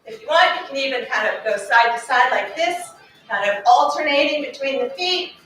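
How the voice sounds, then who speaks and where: A woman leads an exercise class, calling out moves and encouragement while she works out herself, a little out of breath. Her voice is high and bright. She is recorded from a distance in a very echoey studio with faint music behind. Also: animated, moderate pace. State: slightly out of breath. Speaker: fitness instructor. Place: carpeted studio.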